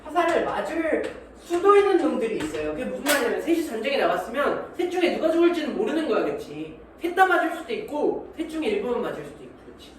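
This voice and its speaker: A man's voice: very high voice, sing-song, fast, few pauses. A man teaching math in a classroom, joking in slang, acting out little scenes, and checking often that students follow. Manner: slangy, keeps checking understanding. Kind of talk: classroom lecture. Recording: echoey room from far off, noisy.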